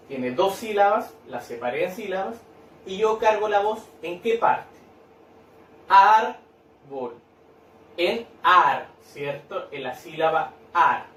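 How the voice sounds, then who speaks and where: In this recorded worksheet lesson, a man with a high voice teaches patiently, repeating points, clapping out syllables, and tossing in tag questions. He's off-mic in an echoey room, and there's a little hiss or hum.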